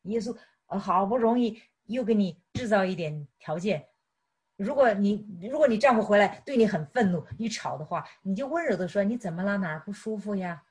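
A woman's voice: mid-range voice, animated, moderate pace, darkish tone, breathy edge. A middle-aged woman teaching a sermon on prayer, chiding her listeners with rhetorical questions and stumbling over repeated words. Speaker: Bible teacher.

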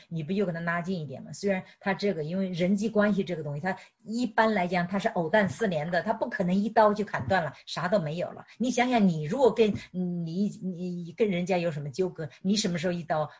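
A woman's voice: lowish voice, quick pace, few pauses, a little mellow, husky. A middle-aged woman teaching a sermon on prayer, chiding her listeners with rhetorical questions and stumbling over repeated words. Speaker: Bible teacher.

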